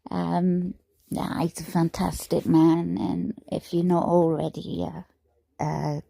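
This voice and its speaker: A woman's voice: on the low side, level tone, takes it slowly, gravelly, warm tone, dry recording. A Welsh woman hosting a livestream, talking casually with many fillers and restarts into a headset mic. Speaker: livestream host covering a trial.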